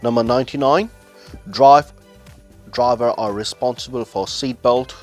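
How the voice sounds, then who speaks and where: A man's voice: mid-range voice, a little slow, soft background music. A man speaking as a driving instructor, giving methodical, formal step-by-step instructions to learner drivers in non-native English phrasing.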